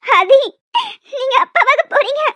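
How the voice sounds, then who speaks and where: A woman's voice: extremely high pitch, fairly quick, a little mellow. A woman voicing a tearful young cartoon wife. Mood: tearful joy. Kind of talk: cartoon voice acting. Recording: dull lo-fi audio with faint music.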